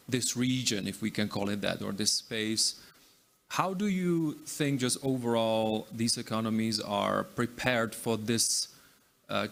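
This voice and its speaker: A man moderating a panel, polite and measured as he poses long questions. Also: lowish voice, vocal fry, fairly bright tone. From Czech Republic.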